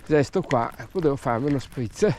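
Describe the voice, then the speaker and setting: Male vlogger, Venetian accent and dialect turns of phrase, creaky voice, off-the-cuff guiding outdoors over faint background noise. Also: medium pitch, animated, normal speed. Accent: Venetian Italian. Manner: colloquial, exclamatory, with regional dialect expressions. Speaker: urban explorer vlogger and guide. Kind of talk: casual on-location commentary. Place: outdoors in windy hills and abandoned ruins.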